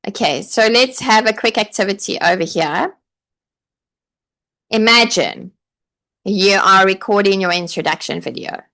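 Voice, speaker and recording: This woman speaks unhurriedly with long pauses, her mid-range voice bright and forceful. Hosting a live online training session for aspiring online teachers, she chats warmly, encourages them, reads comments aloud, and fills gaps with plenty of "like" and "okay."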